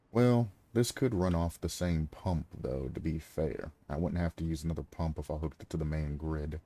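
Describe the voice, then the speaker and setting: Deep-voiced man streaming a game. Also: moderate pace, mellow, breathy edge. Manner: talks to himself and chat, sarcastic asides. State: clears throat often. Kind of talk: casual gameplay commentary.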